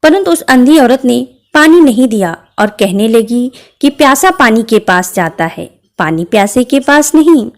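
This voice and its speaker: A woman's voice: a little high, lively intonation, unhurried, few pauses. Woman telling a devotional folk tale. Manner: plain homely telling, addresses listeners directly. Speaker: storyteller.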